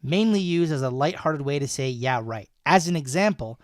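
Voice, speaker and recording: A man in his thirties hosts a casual podcast, laughing often while he reads slang definitions and offers jokey examples. His voice is fairly high, expressive and fairly quick, with clean studio sound and no echo.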